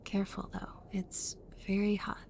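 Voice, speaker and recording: Gentle and intimate, a woman whispers and breathes her lines as an affectionate, teasing young friend in an ASMR roleplay. Her mid-range voice is monotone at a moderate pace, lightly acted, with a cozy, caring mood.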